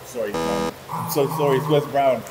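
A man's voice: medium pitch, normal speed. A man in his twenties with a London accent, chatting in playful, teasing slang as a quiz contestant. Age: 20s. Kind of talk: casual playful banter. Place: large tiled indoor pool room, in a tub of water. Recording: echoey reverberant pool hall, music behind.

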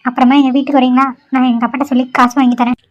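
A sad, despairing young woman in a homemade cartoon, voiced by a woman. Her voice is high and she speaks sorrowfully. The recording sounds dull and lo-fi. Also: level tone, racing, close to an everyday voice. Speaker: cartoon character.

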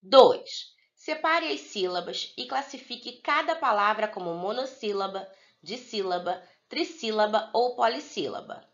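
A Brazilian woman teaching young pupils in a recorded video lesson, slowly spelling out words for the children. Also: fairly high pitch, animated, a bit bright, muffled recording. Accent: Brazilian Portuguese. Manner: slow, drawn-out word-by-word dictation for young pupils. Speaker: primary school teacher.

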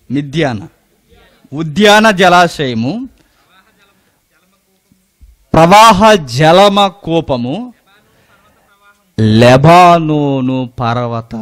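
A male preacher, giving a sermon that swings between loud exclamations and low murmurs, often asking the audience questions and answering them himself.

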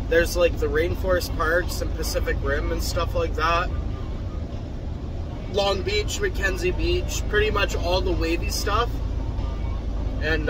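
A man's voice: on the high side, low-quality recording. A man in his thirties from Canada, a truck driver vlogging casually from his cab in a rambling, laid-back way, recorded on a mounted phone. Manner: laid-back, rambling with many ums and likes. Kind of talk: casual vlog narration. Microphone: phone on a dash mount. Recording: phone recording with loud road noise. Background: road and engine noise.

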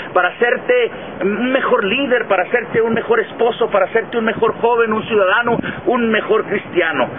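A middle-aged man preaching a sermon outdoors in a park, asking rhetorical questions and repeating phrases. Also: high-pitched. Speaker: pastor. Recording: tinny lo-fi sound with outdoor wind noise.

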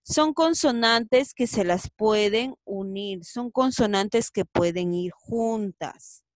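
Slow, patient woman teaching children to read. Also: mid-range voice, no room sound. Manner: stretches words syllable by syllable, coaxing pupils to read along. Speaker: primary school teacher. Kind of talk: slow, deliberate reading lesson for children.

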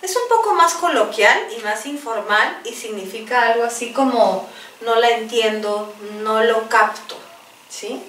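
A woman teaching a language lesson, saying phrases slowly and repeating them for learners to echo. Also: a little high, fairly bright tone. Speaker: English teacher. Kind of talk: slow, deliberate language lesson. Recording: echoey room, voice from a distance, faint background hiss.

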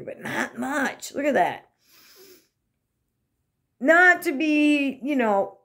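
A woman talking casually to her camera about her hair and a paper craft, chatty and self-deprecating, with many restarts. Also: mid-range voice. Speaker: crafting vlogger.

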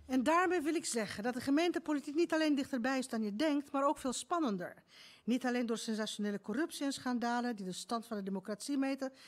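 Fifty-something woman from romania giving a speech on stage, kinda high voice, calm storyteller vibe. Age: 50s. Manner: measured, literary storytelling. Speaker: speaker at a book event. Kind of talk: prepared speech with anecdote. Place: stage in an event hall.

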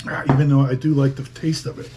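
A man's voice: medium pitch, level tone, quick pace, over music. A man vlogging an eating challenge at home, chatting and joking between mouthfuls. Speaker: beer review vlogger. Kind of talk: casual eating challenge vlog.

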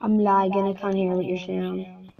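A woman's voice: mid-range voice, monotone, moderate pace, gravelly. A woman chatting playfully with a friend over game voice chat. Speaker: player. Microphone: voice chat mic. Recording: dull lo-fi voice chat with faint noise.

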